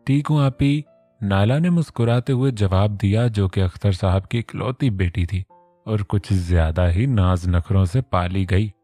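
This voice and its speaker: Low, mellow male storyteller. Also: a little slow, dry recording, faint music behind. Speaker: narrator. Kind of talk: scripted narration of a romance novel.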